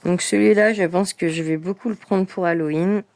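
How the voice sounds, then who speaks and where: A woman talks through her coloring books in a relaxed vlog. Her voice sits on the lower side for a woman. She is chatty and enthusiastic, with plenty of fillers and restarts. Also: moderate pace. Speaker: coloring book vlogger. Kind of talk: casual vlog chat.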